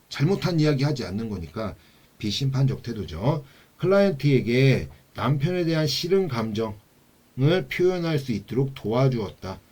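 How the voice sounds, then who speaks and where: A male social work exam instructor teaches an exam-prep class in a classroom. He poses rhetorical questions and repeats key terms, lowering to a quiet, low voice whenever he stresses them.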